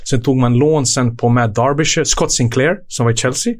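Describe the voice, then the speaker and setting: Podcast guest, man in his forties, former footballer: lively raconteur who swears easily and laughs through the punchlines. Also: medium pitch. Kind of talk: casual anecdote telling.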